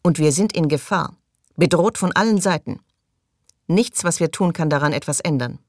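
A woman's voice: deep voice, lively intonation, moderate pace, dry recording, clean studio sound. A woman reading an audiobook and voicing a suspicious, agitated man who accuses and raises his voice. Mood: bitter.

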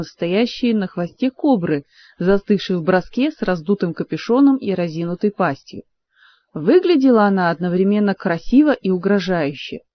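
A woman narrating an audiobook in an even storytelling manner. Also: mid-range voice, dull audio. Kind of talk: scripted narration.

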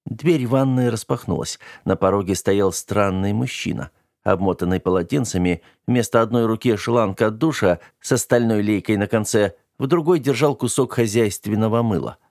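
A man with a low voice reads a funny story aloud. His delivery is lively and animated. The sound is close and dry, with no room echo. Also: moderate pace. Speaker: narrator. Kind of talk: humorous story reading.

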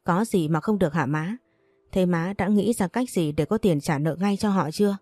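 A woman's voice: fairly low pitch, normal speed, no room sound, natural voice. A woman voicing a resolute young daughter. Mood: persuasive. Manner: calm, firm, persuasive.

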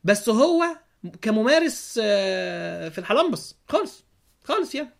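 A man's voice: high voice, sing-song, normal speed, gravelly. A man with an Egyptian Arabic accent hosting a podcast, giving a religious commentary monologue full of sarcastic rhetorical questions. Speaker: podcast host.

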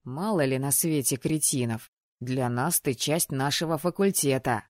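A woman voicing a calm young male student who reassures a friend in a low, soft voice. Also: unhurried, dry recording, studio quality. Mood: reassuring. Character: calm, supportive young man, a fellow student.

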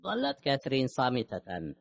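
Dry, measured male audiobook narrator. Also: medium pitch, gravelly, no echo. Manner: steady, measured reading. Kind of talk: scripted narration.

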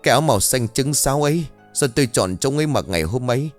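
A man's voice: medium pitch, lively intonation, rapid-fire, soft background music, pitched above the performer's own voice, natural voice. A man voicing a distraught village wife who laments her fate in a spoken ghost story.

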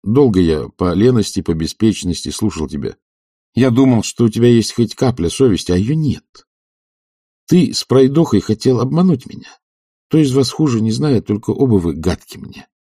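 A male reader voicing an indolent gentleman who speaks in stern, cold reproach. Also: lowish voice, lively intonation, moderate pace, breathy edge, no room sound, studio quality, pitched above the performer's own voice. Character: indolent gentleman of about thirty, roused to fury.

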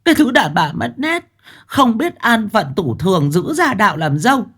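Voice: mid-range voice, big pitch swings, fairly bright tone, husky, pitched above the performer's own voice, full character voice. A storyteller voicing a domineering elderly mother-in-law who berates her daughter-in-law in a shrieking tirade. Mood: scornful. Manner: shrieking, rapid-fire tirade.

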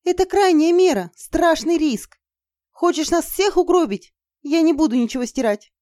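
A woman's voice: high voice, lively intonation, normal speed, mellow, no echo, clean studio sound, voice pushed up. A woman voicing an anxious, fearful young sorceress in an audiobook, her lines pleading and panicky. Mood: alarmed.

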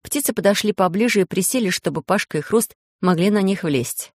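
A woman's voice: medium pitch, fairly quick, no echo. A woman narrating a children's story expressively into a close mic. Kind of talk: audiobook narration.

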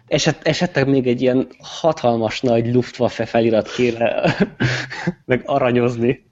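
A man's voice: mid-range voice, fairly even intonation, a little mellow. Dry ironic man, lo-fi sound. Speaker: podcast co-host. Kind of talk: casual tech banter. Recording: dull lo-fi podcast recording.

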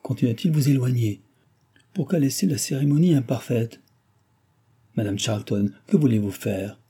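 A man's voice: mid-range voice, moderate pace, warm tone, husky. A man reading aloud and voicing a young bridegroom who pleads and cries out in desperation. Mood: desperate. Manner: raised, urgent outcries.

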